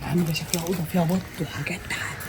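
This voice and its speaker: A young man with an Egyptian Arabic accent, vlogging as he explores an abandoned villa, excitable and jumpy, often dropping into whispers. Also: a little high, rapid-fire, music in the background. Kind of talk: exploration vlog.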